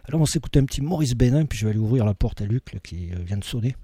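A man's voice: medium pitch, expressive, very fast, mellow, husky, no room sound. A man hosting a music radio show, chatting casually and rambling with many fillers between tracks.

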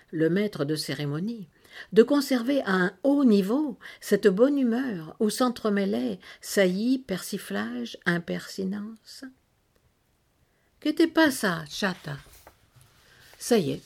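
A woman reading a literary novel aloud in an expressive storytelling manner, with sharp rises on key words. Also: medium pitch, vocal fry. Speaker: narrator.

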